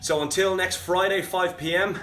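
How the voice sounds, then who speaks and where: A man's voice: high voice, steady tone, fairly bright tone. Man coaching a workout, roomy and distant. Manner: brisk, encouraging coaching cues. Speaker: fitness coach. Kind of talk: live home workout instruction. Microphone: phone livestream from a distance. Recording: roomy, far from the mic, faint music.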